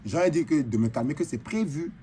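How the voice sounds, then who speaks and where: Brief: a man doing a showy, bragging female braider chief with an Ivorian French accent, pitched fairly high and swinging wildly up and down. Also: a little fast, heavy background noise, lightly acted. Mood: boastful. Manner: boastful, animated, mixes in broken English. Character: flamboyant boastful female braider chief from a market. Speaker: comedian. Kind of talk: comic monologue in character.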